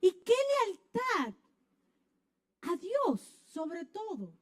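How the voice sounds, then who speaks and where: A woman preaching a sermon, telling a personal story with lively acted-out scenes and sudden shouts. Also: very high voice, drawn-out words. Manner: animated storyteller, acts out scenes, bursts into shouts. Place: church.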